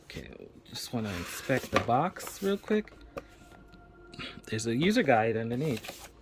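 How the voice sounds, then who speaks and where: A man's voice: mid-range voice, a little slow, very noisy. Chatty man unboxing a controller. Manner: chatty, excited, with fillers. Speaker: unboxing video host. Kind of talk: casual unboxing commentary.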